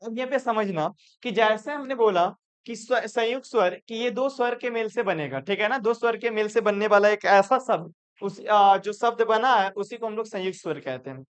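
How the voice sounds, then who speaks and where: A man's voice: sits high, moderate pace, clear, resonant tone. A male teacher giving a classroom grammar lesson, repeating points and asking and answering his own questions. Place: classroom with students.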